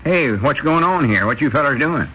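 Old rural storekeeper, husky drawl, bright tone, steady and scolding. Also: male voice, on the high side, normal speed, exaggerated voice, rough recording. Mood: reproachful. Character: steady old country storekeeper Lum, man. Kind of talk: 1940s radio acting.

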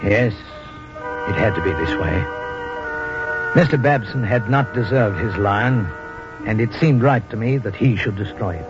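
An actor playing a hard, composed, quietly contemptuous safari hunter in a 1950s radio drama. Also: male voice, on the low side, measured pace, pauses often, music in the background, lightly acted. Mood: grave, contemptuous. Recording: muffled old radio, faint noise.

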